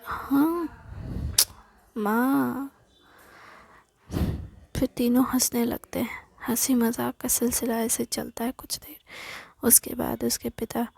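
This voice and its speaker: High, husky woman whispering a story. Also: monotone, normal speed, warm tone, no echo. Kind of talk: whispered role-play narration.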